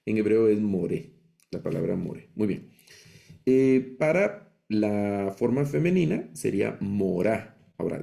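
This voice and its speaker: A man teaching a live online class, patiently repeating words slowly for his learners. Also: on the low side, creaky, warm tone. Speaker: biblical Hebrew teacher.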